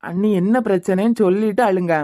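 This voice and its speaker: A woman voicing a worried young sister-in-law in a cartoon, gently coaxing. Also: mid-range voice, steady tone, fast, no room sound, studio quality, voice pushed down, lightly acted.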